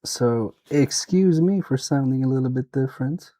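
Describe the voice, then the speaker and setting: A man with a Swedish accent, medium-pitched and dark in tone, speaks at a normal speed while repairing a toy on a live stream. His commentary is casual, mostly thinking aloud and muttering to himself.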